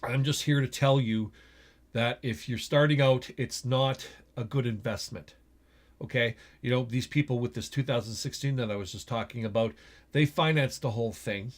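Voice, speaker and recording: Middle aged western canadian guy, mid pitched voice, casual vlog chat from a small indoor space, opinionated, keeps checking you follow. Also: moderate pace. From Edmonton, Alberta, Canada. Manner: conversational, opinionated, often asks "okay?" and "right?". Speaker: vlogger, RV store general manager. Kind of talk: casual explanatory vlog talk.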